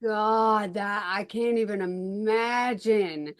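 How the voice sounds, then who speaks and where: A woman hosting a casual conversation as a bookshop owner. She talks in a casual, exclamatory way and reacts quickly. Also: mid-range voice, no room sound. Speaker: podcast host and bookshop owner.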